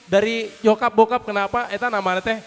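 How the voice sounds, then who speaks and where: A man's voice: high voice, fairly even intonation, a little fast, clear, resonant tone. A man from West Java with a Sundanese accent hosting a casual interview, playfully prompting with questions and echoing answers. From West Java, Indonesia. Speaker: interview host. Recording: long hall-like reverb.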